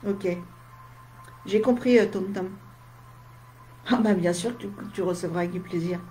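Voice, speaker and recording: A woman medium on a casual live stream, chatting straight to her viewers in short asides, tired and with a slight head cold that leaves her voice a little dry and husky. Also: mid-range voice, moderate pace, warm tone, a little hiss or hum.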